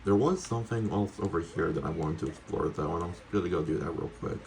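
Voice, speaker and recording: Male game streamer, deep register, chatty off-the-cuff commentary to viewers, slightly noisy recording with ambience. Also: fast talker, vocal fry, darkish tone. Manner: chatty, rambling, talks to viewers; casually sweary. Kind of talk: casual gameplay commentary.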